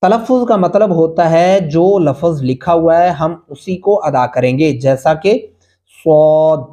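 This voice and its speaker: Slow, patient man teaching Quran reading. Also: on the high side, mellow. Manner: slow, patient drilling, sings recited phrases drawn out. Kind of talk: spelling out Arabic letters and vowel marks for learners.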